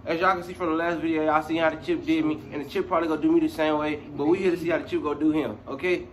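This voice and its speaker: A man's voice: a little high, fairly even intonation, rapid-fire, a little hiss or hum. A young man hosting a casual vlog, talking in slangy, profane style. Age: young adult. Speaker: video host. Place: indoor room at home.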